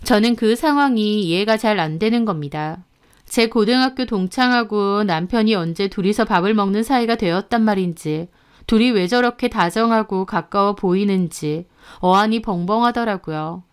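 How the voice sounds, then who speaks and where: A woman's voice: mid-range voice, normal speed, clear, resonant tone. A woman narrating a dramatic first-person story in a storytelling delivery.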